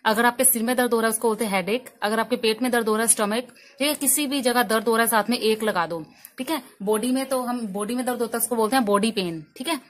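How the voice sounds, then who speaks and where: A woman's voice: a little high, fast. A woman teaching English vocabulary in Hindi, asking each word as a question and answering it herself.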